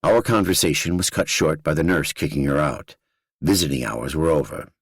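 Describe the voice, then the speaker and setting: A man's voice: a bass voice, expressive, normal speed, no echo, studio quality. A man narrating a first-person true crime audiobook in a blunt, gritty, profane storytelling manner.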